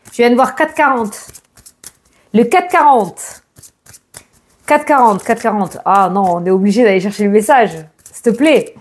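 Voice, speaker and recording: Woman doing a casual card reading, bit high voice, talks right at you, keeps correcting herself. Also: moderate pace, pauses often. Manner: chatty, talks straight to the viewer, often corrects herself mid-sentence. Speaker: tarot and oracle card reader.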